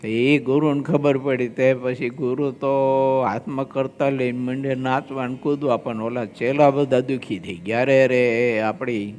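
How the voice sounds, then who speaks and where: A man's voice: mid-range voice, fairly even intonation, darkish tone. Man, Gujarati accent, swami, devotional discourse, storytelling with quoted voices, faint music behind. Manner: slow, drawn-out delivery with quoted voices in anecdotes. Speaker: swami giving a scripture discourse. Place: large assembly hall with long reverb.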